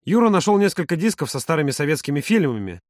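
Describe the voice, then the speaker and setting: Guy narrating a book, even steady read, dry close sound. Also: fairly high pitch, no room sound. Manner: even, measured reading. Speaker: audiobook narrator. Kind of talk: scripted narration.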